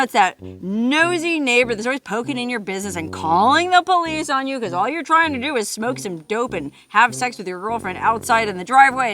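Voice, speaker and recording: A woman travel vlogger talking outdoors in a desert canyon, in a casual, playful and jokey way. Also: fairly high pitch. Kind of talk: casual vlog narration.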